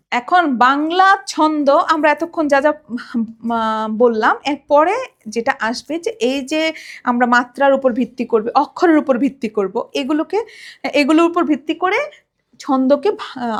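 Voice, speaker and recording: High-voiced woman lecturer, step-by-step explaining. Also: a little slow. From Bangladesh. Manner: explains step by step, asks and answers her own questions; recites children's rhymes to show rhythm. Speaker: college lecturer. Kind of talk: recorded online lecture.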